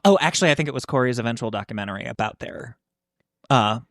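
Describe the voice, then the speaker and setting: A woman's voice: rumbling low, animated, quick pace, dry recording, studio quality. A woman co-hosting a podcast, chatting casually and gossiping, with lots of "like" fillers. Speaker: podcast co-host. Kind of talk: casual chat.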